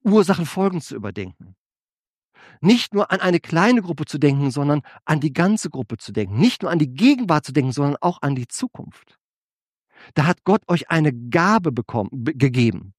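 A man preaching a sermon, asking his congregation rhetorical questions and swinging between loud emphasis and quiet asides. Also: a little high, sing-song, moderate pace, dry recording, clean studio sound. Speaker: pastor.

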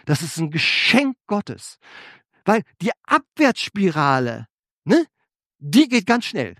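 Animated high-voiced German preacher. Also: male voice, takes it slowly, no echo, clean studio sound. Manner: animated preaching with rhetorical questions to the congregation. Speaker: pastor. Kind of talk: sermon.

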